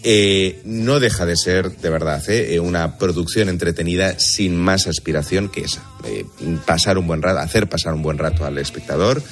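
A man's voice: sits low, normal speed, faint music behind. A man giving a conversational series review as a show critic, hesitating and repeating words as he explains.

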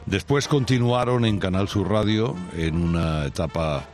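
A male radio host with a low voice speaks in a measured, slightly halting way. He introduces the segment while faint music plays underneath. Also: darkish tone. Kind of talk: radio talk show presenting.

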